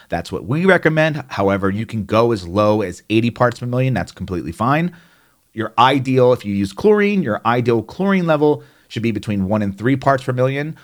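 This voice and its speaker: A man with a New Jersey accent explaining hot tub care in a conversational, plainspoken way, with fillers and asides. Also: on the low side. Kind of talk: instructional explainer.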